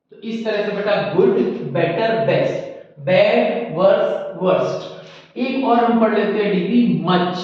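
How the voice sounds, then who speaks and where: A male English teacher explaining grammar to students in a classroom, calling them "beta" and repeating words slowly. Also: sits high, darkish tone. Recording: echoey room, distant mic, dull sound.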